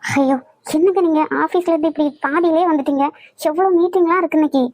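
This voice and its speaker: A frightened young wife in an animated drama, voiced by a woman, soft and pleading as she dodges questions. Her voice sits high and sounds dry and close. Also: fast talker, dry recording. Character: young wife, fearful and secretive. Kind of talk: dramatic cartoon voice acting.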